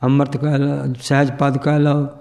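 A man teaching scripture, explaining verses and correcting a student's pronunciation, chanting the lines slowly. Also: medium pitch, completely flat delivery, creaky, mellow. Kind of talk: religious teaching and pronunciation drill.

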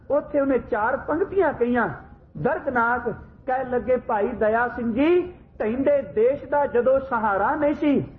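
High-voiced man preaching over a tinny line. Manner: addresses listeners directly, slows to chant scripture verses. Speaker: Sikh religious preacher. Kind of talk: storytelling sermon. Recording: tinny phone-like sound with faint noise.

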